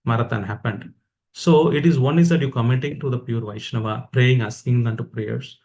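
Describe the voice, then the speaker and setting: A man's voice: mid-range voice, normal speed, darkish tone. Indian-accented man giving an earnest devotional talk. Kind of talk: informal religious motivational talk.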